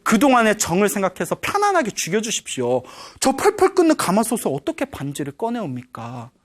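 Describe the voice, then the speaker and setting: A woman's voice: mid-range voice, huge pitch swings, fairly quick. A woman voicing frightened court ministers who beg their king for mercy in a sermon story. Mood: pleading. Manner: pleading, fearful. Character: frightened royal male ministers, pleading.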